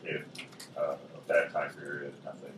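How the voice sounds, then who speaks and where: A man's voice: very deep voice, completely flat delivery, moderate pace. A man acting as game master, describing scenes in a loose, meandering way while narrating a tabletop horror game. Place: convention gaming room. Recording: echoey, distant, noisy convention room.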